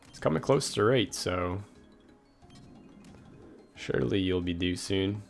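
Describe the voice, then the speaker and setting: This young gaming livestreamer has a low voice with vocal fry and takes his time speaking. He chats casually, rambles, and reads viewers' messages aloud while faint game music plays behind him.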